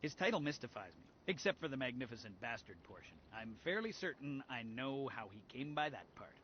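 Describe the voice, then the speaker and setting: A man plays a sardonic scholar in a video game, quiet and wry. His voice sounds faint and distant, on dull lo-fi audio. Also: medium pitch, big pitch swings, fairly quick, a little hiss or hum, natural voice. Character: dry, sardonic male scholar judge.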